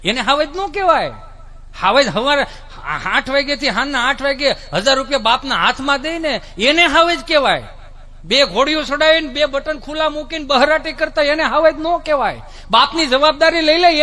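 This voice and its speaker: A man's voice: very high-pitched, animated, moderate pace, sharp tone. A man, telling folksy stand-up stories and mimicking relatives and children. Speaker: stand-up comedian.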